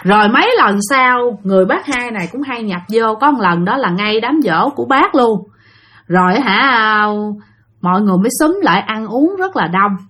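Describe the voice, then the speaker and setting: A woman's voice: fairly high pitch, expressive, normal speed, fairly bright tone. A woman with a Southern Vietnamese accent, narrating listener-sent ghost stories in a chatty style that addresses her audience directly. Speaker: storyteller host. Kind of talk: casual spoken ghost-story narration.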